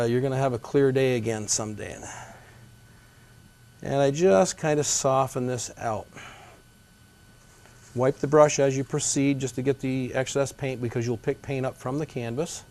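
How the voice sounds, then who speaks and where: A man teaching painting in a gentle, easygoing, folksy way, narrating his demonstration as he works. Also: medium pitch. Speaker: painting instructor.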